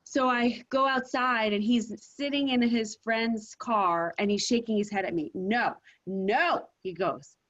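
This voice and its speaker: Candid woman telling a story, lo-fi sound. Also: fairly high pitch. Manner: candid, halting storytelling with soft laughs. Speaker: qigong student. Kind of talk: group class sharing.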